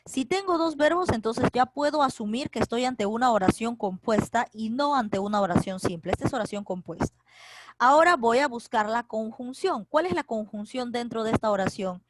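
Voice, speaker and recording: A woman leads an online class from home. Her voice sits a little high, and she explains patiently, step by step, often stopping to ask a question back. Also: low-quality recording. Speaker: teacher. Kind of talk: online grammar lesson. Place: home, recorded for a virtual class.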